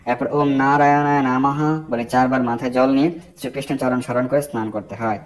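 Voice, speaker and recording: A man giving devotional ritual instruction in a firm, teaching manner, slowing down to chant Sanskrit mantras in a measured way. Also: mid-range voice, steady tone, darkish tone, a little hiss or hum. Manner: firm, didactic and prescriptive. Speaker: Vaishnava religious instructor.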